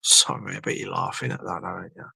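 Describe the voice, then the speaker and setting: Sitting low but swinging hugely in pitch, the host's husky voice moves quickly, with vocal fry and a sharp edge, in a dry recording. He's talking loosely with his stream audience from an indoor home studio, swearing and now and then losing track of what he's saying.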